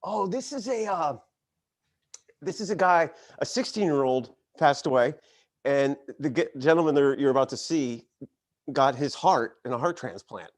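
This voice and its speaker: A man's voice: fairly high pitch, animated, normal speed. A man from Connecticut hosting a late-night stream, talking casually and animatedly, often laughing between lines. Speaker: late-night show host. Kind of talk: casual monologue. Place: home studio, live stream.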